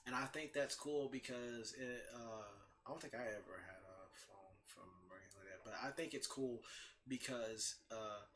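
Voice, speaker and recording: Brief: heated male ranter, bright and forceful tone, crude and blunt, faint hiss under the voice. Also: lowish voice. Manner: blunt and heated, swears constantly, restarts mid-sentence. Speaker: host ranting on his own channel. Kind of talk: casual profane rant.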